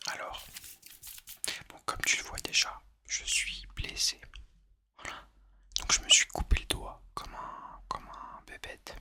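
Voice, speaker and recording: A man speaking in a soft, unvoiced ASMR whisper, chatting informally and confidingly to the listener about recommendations. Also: measured pace, long pauses. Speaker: ASMR video host.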